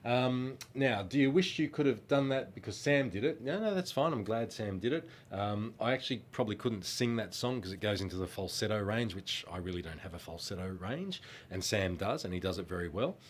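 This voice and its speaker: Brisk and with few pauses, a middle-aged Australian man speaks in a lowish voice with lively intonation. Stuffed up by a cold, this ex-singer of a children's band takes fan questions casually, friendly and rambling, with lots of ums.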